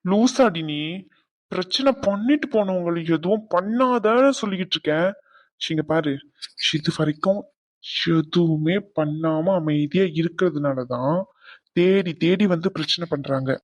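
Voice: mid-range voice, a little slow, natural voice. A performer voicing a hot-tempered young husband in a cartoon family drama, curt and angry.

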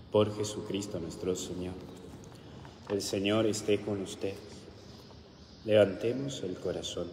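An Argentine priest with a very low, darkish voice celebrates Mass and gives a homily in a small indoor chapel with an altar, reciting prayers in a solemn, slow, measured way. He speaks with an Argentine Spanish accent, and the recording carries a long, roomy hall echo plus background hiss.

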